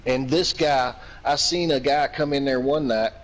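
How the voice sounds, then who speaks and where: A man's voice: medium pitch, moderate pace, rough recording. Profane rambling storyteller, man from Virginia. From Virginia, United States. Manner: profane, rambling anecdotes, laughs a lot. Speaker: storyteller in casual chat. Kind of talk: casual chat.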